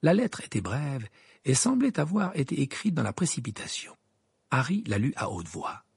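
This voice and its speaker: A storybook narrator with a gravelly, husky voice whose pitch moves a lot, reading with expressive variety. The recording is dry and close, with no room sound. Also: moderate pace, dry recording. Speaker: audiobook narrator.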